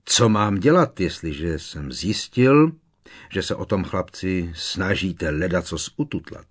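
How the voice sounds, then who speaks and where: A man's voice: deep voice, expressive, breathy edge. A man voicing a blustering, indignant minister. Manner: agitated, indignant, raised voice. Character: blustering defensive middle-aged male minister. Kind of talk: audiobook character reading.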